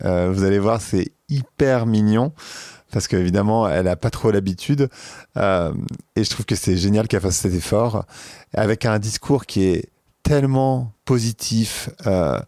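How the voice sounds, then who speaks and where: Male podcast host, fairly low register, conversational delivery, very dry recording. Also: warm tone, no room sound. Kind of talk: conversational introduction and interview.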